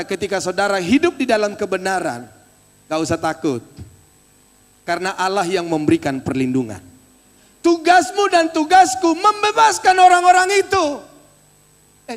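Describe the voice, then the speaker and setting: High-voiced pastor preaching in echoey church. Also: male voice. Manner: animated, exhorting, addresses congregation directly. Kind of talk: sermon.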